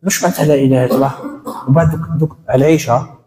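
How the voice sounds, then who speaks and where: A man with an Algerian accent giving a religious lecture as an educational counselor, animated and acting out little dialogues as he goes. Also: medium pitch, very fast. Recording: roomy hall reverb.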